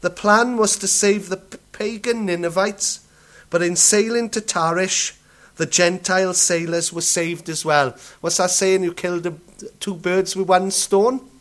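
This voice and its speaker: A man's voice: sits high, fairly even intonation, measured pace, a bit bright. A man preaching a morning sermon, asking the congregation rhetorical questions and repeating his points with frequent restarts. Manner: restarts and stumbles over words.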